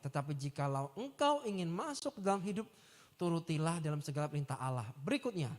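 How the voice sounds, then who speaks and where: A man giving a lively youth sermon, chatty and acting out the quotes he tells. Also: high voice. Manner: animated, chatty, acts out quotes. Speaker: youth preacher. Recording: long church reverb.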